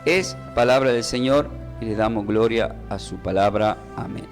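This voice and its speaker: A man preaching a Bible lesson for radio, in a teacherly way, asking questions and then answering them and repeating key words slowly. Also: on the low side, soft background music.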